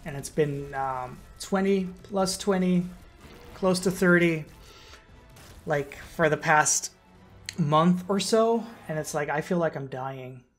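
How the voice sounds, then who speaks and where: Quiet but clear gamer with game music behind. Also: medium pitch, takes it slowly. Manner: sweary, grumbling. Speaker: gaming commentator. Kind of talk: casual let's play commentary.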